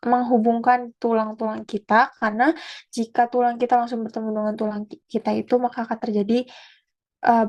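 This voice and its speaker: A young woman student walks through an anatomy lesson, pausing often and correcting herself mid-word. Her voice sits fairly high but sounds mellow and soft-edged. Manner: halting, with fillers and self-corrections. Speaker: student presenter. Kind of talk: anatomy presentation.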